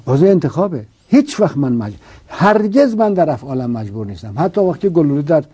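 Dark husky man teaching philosophy. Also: a little high, big pitch swings. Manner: argues with rhetorical questions and repetition. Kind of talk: didactic philosophical explanation.

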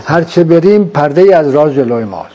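Male interviewer with a fairly high, warm voice who leads with short probing questions. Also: animated, muffled recording. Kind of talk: philosophical conversation.

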